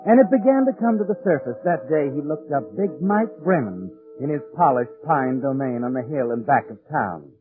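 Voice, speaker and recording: An American actor playing a sinister, all-knowing mystery narrator in theatrical, ominous 1940s radio suspense style. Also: male voice, a little high, lively intonation, normal speed, hardly any pauses, close to an everyday voice. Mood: knowing, grim. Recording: old narrow-band 1940s radio, music behind.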